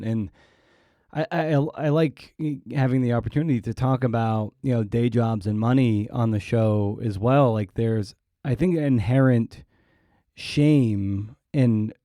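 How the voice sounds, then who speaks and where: A podcast host and writer with a lowish, very mellow, dark voice leads a conversational interview. He thinks aloud in wordy, halting stretches, and the sound is very dry, without any room echo.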